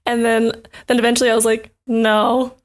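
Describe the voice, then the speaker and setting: Animated young woman telling a story. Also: medium pitch, moderate pace. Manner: animated storyteller, acts out quotes with laughs. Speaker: guest sharing testimony. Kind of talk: casual faith chat.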